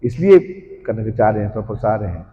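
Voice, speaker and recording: A man giving a devotional scripture talk, telling the story with animated acted-out voices and reading commentary slowly. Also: lowish voice. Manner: reads English commentary slowly. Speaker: preacher. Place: temple hall. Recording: dull, hall-like echo.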